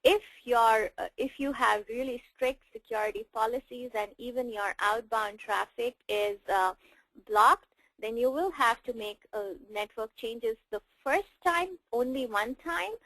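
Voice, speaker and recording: Gravelly-voiced woman explaining network setup. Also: fairly high pitch, measured pace, a bit bright, dry recording, rough recording. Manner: explains with frequent "uh" fillers. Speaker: webinar presenter. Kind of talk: technical product webinar.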